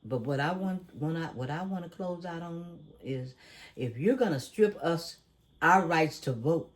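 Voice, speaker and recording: A man's voice: on the high side, animated, measured pace. A man hosting a casual talk show, preachy and emphatic, who often asks leading questions. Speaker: podcast host. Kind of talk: casual conversational commentary.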